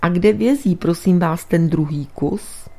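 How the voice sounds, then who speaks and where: A woman reading a gruff, burly skeptic. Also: fairly low pitch, darkish tone, lightly acted. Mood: puzzled. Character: burly blunt male companion, skeptical and impatient.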